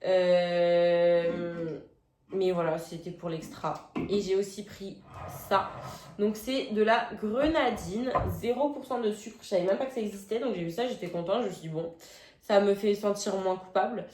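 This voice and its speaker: A woman's voice: medium pitch, normal speed, a little mellow. A young woman, chatting casually through a grocery haul vlog, full of "euh" fillers and slangy asides. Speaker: vlogger. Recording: echoey room.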